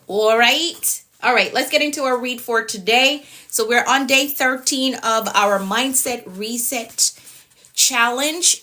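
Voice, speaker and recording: A woman's voice: fairly high pitch, sharp tone. A woman in her late thirties, a productivity coach on a live stream, talking firmly and repeating herself, often ending lines with "okay?". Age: 30s. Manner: repetitive, firm, tags lines with okay.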